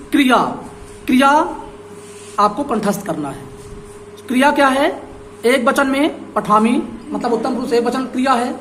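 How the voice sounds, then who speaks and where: A woman's voice: high-pitched, a bit bright, slight background noise. A woman teaching a Sanskrit lesson to a classroom, repeating each word, translating it and quizzing the students.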